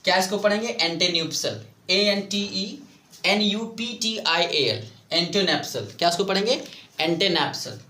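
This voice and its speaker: A man teaching English vocabulary in Hindi mixed with English, explaining slowly, repeating words and asking his students questions. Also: high-pitched, expressive, bright, forceful tone, roomy sound.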